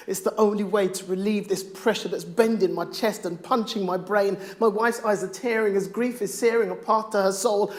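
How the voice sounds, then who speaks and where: Man performing spoken word poetry. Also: sits high. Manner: rhythmic rhymed delivery, swinging from hushed to loud. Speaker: bereaved father speaking on stage.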